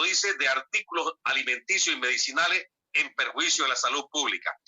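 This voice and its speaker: Husky sharp-voiced man lecturing. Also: on the high side. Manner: peppers talk with tag questions to students; addresses listeners directly, conversational. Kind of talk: classroom lecture. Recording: dull lo-fi recording.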